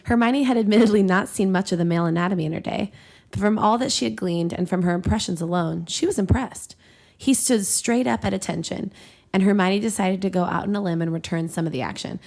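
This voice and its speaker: A podcast host reads fan fiction in a storybook manner and keeps breaking off for giggly, irreverent chatter. Her mid-range voice is gravelly yet a little mellow, and she talks fast.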